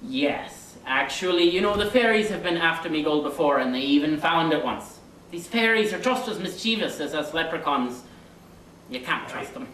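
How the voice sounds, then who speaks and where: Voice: medium pitch, lively intonation, moderate pace, fairly bright tone, lightly acted. A performer playing a boastful, mischievous little male leprechaun, who answers questions with sly wordplay in a comedy sketch. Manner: cheeky, sly, rambling, fond of wordplay. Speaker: interview guest. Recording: echoey room, distant mic, faint noise.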